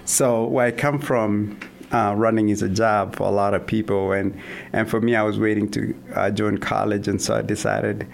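A man's voice: on the low side, flat delivery, normal speed, vocal fry. A man from Kenya, a runner and coach being interviewed in a studio, talking hesitantly with lots of fillers and restarts. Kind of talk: casual interview talk.

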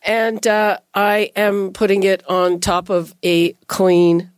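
A woman's voice: mid-range voice, level tone, takes it slowly, clear, resonant tone, dry recording. Woman hosting radio, dry studio sound. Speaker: radio host. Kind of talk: conversational radio interview hosting. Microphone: studio microphone.

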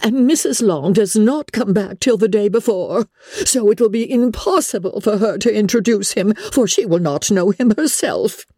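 A woman voicing an excitable, querulous middle-aged mother in an audiobook of a classic novel, shrill, gushing and complaining. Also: a little slow, husky, no room sound, clean studio sound, exaggerated voice. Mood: flustered, exasperated.

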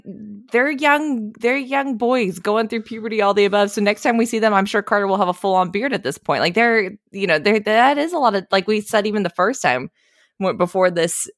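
A woman co-hosting a casual TV recap podcast, chatting in an excitable, gushing way. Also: mid-range voice, moderate pace, no room sound, studio quality. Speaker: podcast co-host.

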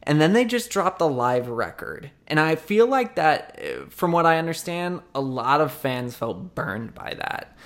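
Man, podcast co-host, casual, measured, thoughtful, mid pitch. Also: very animated, a bit bright. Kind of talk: casual music news chat.

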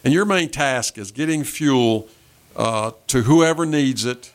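A man with a Southern US accent hosting a conversational radio interview, halting and repeating phrases as he goes. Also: mid-range voice.

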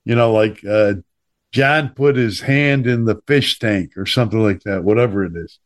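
A middle-aged man with a Chicago accent hosting a talk show, rambling and lively with many fillers. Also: fairly low pitch, normal speed. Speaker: podcast host. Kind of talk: casual chat.

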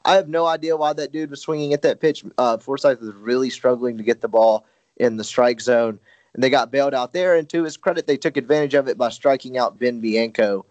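A man's voice: medium pitch, brisk, a little mellow, dry recording, highs cut off. A man chatting casually as a podcast co-host, rambling with many fillers and self-corrections. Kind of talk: casual baseball chat.

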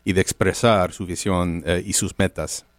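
A man's voice: low-pitched, steady tone, moderate pace, dry recording, clean studio sound. A man who is an immigration lawyer, speaking as a guest on an interview show in a reflective way and searching for his words. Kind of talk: interview conversation.

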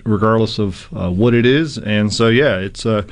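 Male radio guest, lowish voice, halting and understated casual interview talk. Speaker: electrician guest on radio show.

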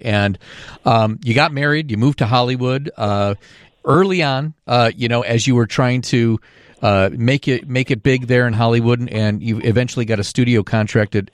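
Radio host guy, kinda low voice, dry studio sound, lots of uhs and you knows. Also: dry recording. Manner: easygoing, many fillers. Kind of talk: radio interview.

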